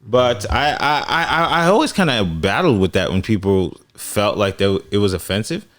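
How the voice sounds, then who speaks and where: A man's voice: fairly low pitch, normal speed. A man co-hosting a podcast, chatting casually and telling stories with frequent laughter. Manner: animated storyteller, laughs often. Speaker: podcast co-host. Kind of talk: casual chat.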